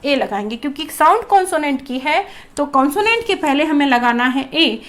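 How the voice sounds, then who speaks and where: A woman's voice: high voice, animated, normal speed. A woman teaching a grammar lesson to children, asking a question and answering it herself. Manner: addresses viewers as children.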